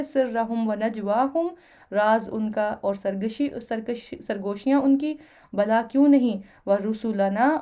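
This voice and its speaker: A woman giving a Quran lesson, reciting Arabic slowly and then explaining each phrase in Urdu with everyday examples. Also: mid-range voice, dark tone. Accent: Pakistani Urdu. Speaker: Quran teacher. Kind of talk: word-by-word Quran translation lesson.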